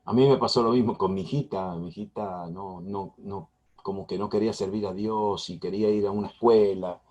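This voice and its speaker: A man's voice: fairly low pitch, fairly even intonation, a little fast, a little mellow, lo-fi sound. A middle-aged man preaching a sermon as pastor, emphatic and repetitive, with frequent restarts.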